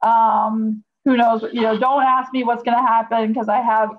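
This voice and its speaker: Higher-voiced woman on a slightly noisy call. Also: level tone, normal speed. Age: middle-aged. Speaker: guest speaker. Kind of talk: casual remarks on a group call. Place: indoor room, on a video call. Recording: dull video-call audio with faint noise.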